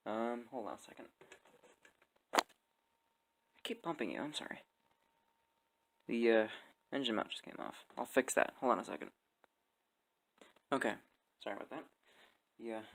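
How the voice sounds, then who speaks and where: Guy building a model truck on his phone cam, gravelly voice, gets super excited, laughs a lot. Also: medium pitch, normal speed, pauses often, poor audio. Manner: excitable, laughs often, apologetic. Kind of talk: casual hands-on vlog narration. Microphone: phone camera on a stand.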